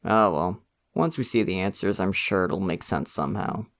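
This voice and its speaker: Low-pitched and at a normal pace, a young man takes on the role of a friendly, slightly shy college student in an ASMR roleplay. He keeps things casual, soft-spoken and chatty in an easygoing mood, with plenty of laughter.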